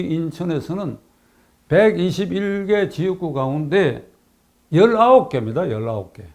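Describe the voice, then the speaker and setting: A man's voice: high-pitched, a little mellow. An older man from South Korea giving a political commentary monologue on his own channel, emphatic, repeating key phrases and asking rhetorical questions.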